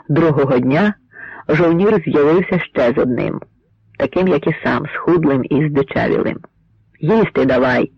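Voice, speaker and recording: A man narrating a dramatic historical story in a measured storytelling manner, on a dry, slightly muffled recording. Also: a little high, creaky, breathy edge, dry recording. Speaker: audiobook narrator.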